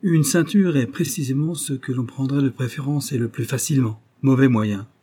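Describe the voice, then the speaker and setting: A man voicing a calm, secretive male detective who speaks low and firmly in a storybook reading. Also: moderate pace, breathy edge, close to an everyday voice. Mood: hushed, firm.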